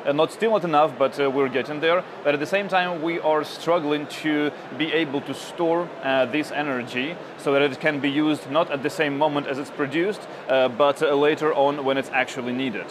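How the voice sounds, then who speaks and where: A man's voice: a little high, fairly even intonation, moderate pace, hardly any pauses, noisy background. A man from Ukraine, a tech journalist in his thirties, answering interview questions with lots of fillers and restarts. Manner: hesitant, many fillers and restarts. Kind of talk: conference interview.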